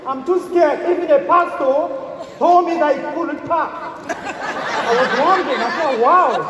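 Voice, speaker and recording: A man's voice: extremely high pitch, measured pace. A man who grew up in Germany delivering an emphatic motivational speech on stage, firing rhetorical questions at the crowd. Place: large event hall stage. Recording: echoey event hall, audience noise.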